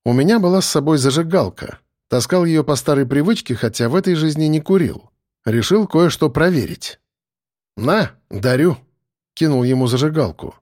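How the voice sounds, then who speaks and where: A man narrating a first-person audiobook in a wry, lively storytelling manner. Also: fairly high pitch, brisk, no room sound, studio quality.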